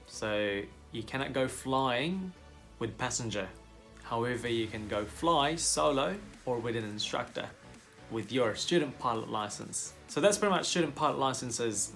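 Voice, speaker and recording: Addressing viewers directly, a young Filipino commercial pilot walks through pilot licenses in a friendly, casual way, with his Filipino accent and plenty of fillers. His medium-pitched voice is creaky and a bit bright.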